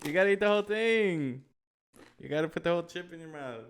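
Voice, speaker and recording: Reluctant grumbly dude on a podcast, deadpan. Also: male voice, on the high side, fast, a little hiss or hum. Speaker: podcast co-host. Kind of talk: casual chat.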